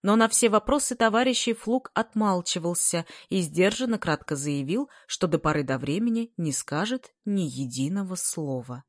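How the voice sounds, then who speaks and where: Woman narrator, lowish voice, lively storytelling, dry close recording. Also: normal speed, few pauses, dry recording. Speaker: audiobook narrator. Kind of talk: scripted narration.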